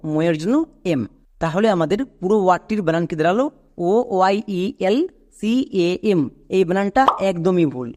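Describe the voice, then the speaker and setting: High-voiced man teaching spelling patiently. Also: warm tone. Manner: patient, repeats each letter and asks rhetorical questions. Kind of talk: explanatory lesson, step by step.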